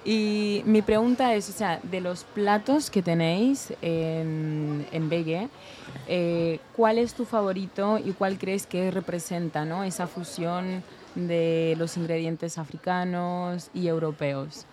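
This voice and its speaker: A woman co-hosting a casual interview, asking questions in a playful, unhurried way. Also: lowish voice, fairly even intonation, darkish tone, slight background noise. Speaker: co-host.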